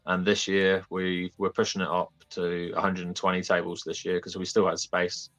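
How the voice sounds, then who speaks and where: A young man with a New Zealand accent chatting casually and haltingly as a laid-back podcast guest. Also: deep voice, little pitch movement, a bit bright. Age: young adult. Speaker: podcast guest, toy fair organiser. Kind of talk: casual chat.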